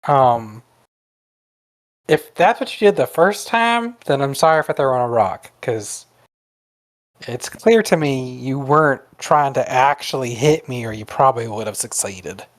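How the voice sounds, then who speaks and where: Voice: medium pitch, lively intonation, a little slow, lightly acted. A player voicing Simon, an apologetic adventurer, in a tabletop game, speaking in character in a near-everyday voice.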